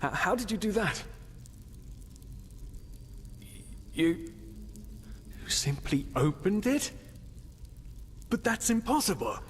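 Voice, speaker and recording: A male actor with a high, very animated, exaggerated voice plays a despairing, half-mad prisoner in dramatic video game dialogue. Stunned and urgent yet weary and fatalistic, he broods in halting, philosophical lines with sighs and whispery trailing words, in long hall reverb and noisy ambience.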